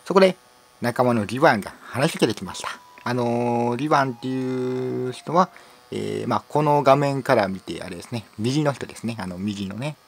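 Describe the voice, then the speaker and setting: A hoarse man commentating a game, reading its dialogue aloud with frequent giggles, stumbles and asides. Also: mid-range voice, animated, normal speed. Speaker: game streamer. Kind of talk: playful let's-play commentary reading game text aloud.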